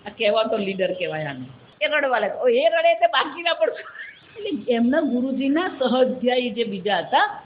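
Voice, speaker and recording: A woman's voice: sits high, a little hiss or hum. A woman spiritual teacher giving a Vedanta discourse, telling a story and putting questions to her listeners. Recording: dull lo-fi lecture recording.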